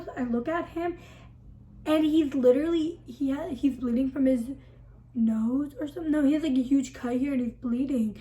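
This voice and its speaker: Dramatic young woman vlogger, mellow tone. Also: sits high, poor audio. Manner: breathless, dramatic retelling packed with "like". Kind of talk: storytime vlog.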